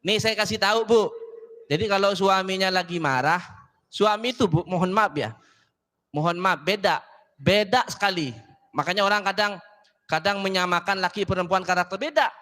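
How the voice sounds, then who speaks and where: High, bright-voiced preacher man in a hall. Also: normal speed, long pauses. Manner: joking, chatty, addresses audience directly. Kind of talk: casual sermon to women's gathering. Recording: long hall reverb.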